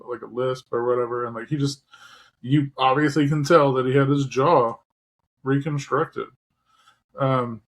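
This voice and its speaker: A man in the middle of his pitch range, speaking haltingly on a podcast and pausing often as emotion catches him. He stops to apologize and then pushes on through the story. The talk is casual and from the heart. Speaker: podcast co-host.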